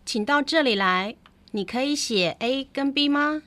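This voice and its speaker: Higher-voiced woman reading lesson prompts. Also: lively intonation, measured pace, a bit bright. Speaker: Chinese lesson reader. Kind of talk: scripted language lesson dialogue.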